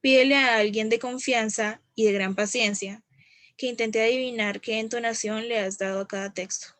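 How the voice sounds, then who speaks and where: A woman's voice: a little high, fairly even intonation, moderate pace, fairly bright tone, no room sound. A woman, a student in a radio class, reading practice texts aloud carefully over a video call.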